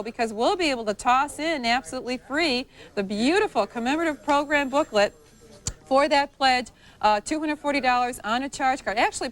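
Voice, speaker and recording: A woman hosting a public television pledge drive, making a chatty, wordy, ad-libbed live fundraising pitch.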